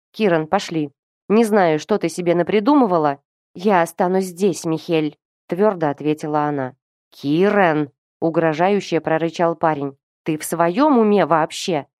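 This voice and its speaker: A woman's voice: fairly low pitch, a little mellow, dry recording, clean studio sound, lightly acted. A woman voicing a stern young man, a protective older brother who speaks harshly and commandingly.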